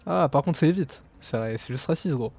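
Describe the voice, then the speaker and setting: A man's voice: fairly high pitch, expressive, normal speed, vocal fry, darkish tone, slightly rough. A young adult man, chatting casually and bantering in slang while gaming. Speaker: streamer.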